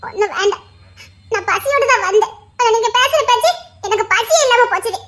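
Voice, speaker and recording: A woman's voice: very high-pitched, brisk, fairly bright tone. A woman voicing a young wife in an audio drama. She talks in a half-laughing, pleading way. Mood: sulky. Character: young wife, playful yet hurt.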